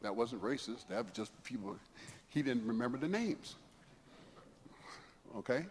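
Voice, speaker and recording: A man's voice: mid-range voice, expressive, a little slow. Older man telling stories in a reverberant hall. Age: 70s. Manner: rambling, chuckling, conversational with frequent asides. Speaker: guest speaker. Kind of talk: anecdotal storytelling talk. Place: church hall. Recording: long hall reverb, faint background noise.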